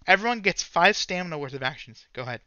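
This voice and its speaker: A man running a tabletop game as game master, making brisk rulings on the fly. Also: a little high, animated, sharp tone, smooth, no echo. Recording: dry, slightly dull mic.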